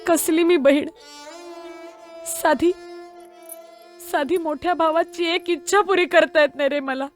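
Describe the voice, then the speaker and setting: A woman's voice: very high voice, a little slow, faint music behind. A woman playing a spirited, blunt girl saint. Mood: tearful. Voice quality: blunt, sharp-tongued. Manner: pleading and expressive, speaks to unseen people. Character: young girl saint, spirited, devoted to her brothers. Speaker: solo stage performer. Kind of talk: one-woman stage drama.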